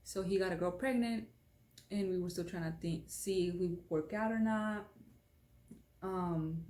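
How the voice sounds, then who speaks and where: A young woman tells a story straight to camera in a loose, rambling way, full of fillers. Her voice sits low and mellow. The room around her is echoey. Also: a little slow. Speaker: beauty vlogger. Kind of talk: casual storytime vlog.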